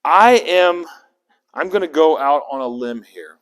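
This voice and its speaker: Slightly high-voiced and animated, a Bible teacher keeps a measured pace as he leads his group conversationally. He asks them questions and restarts words, recorded with the long echo of a hall.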